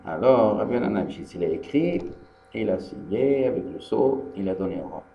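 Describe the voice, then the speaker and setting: A man teaches a Torah lesson, speaking in a fairly low voice as he tells the story and acts out each line of dialogue. It sounds like an old archive tape, muffled and lo-fi, with a faint hum underneath. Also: fairly quick, gravelly, roomy sound. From Tunisia. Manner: animated storyteller who acts out dialogue and repeats key phrases. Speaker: rabbi.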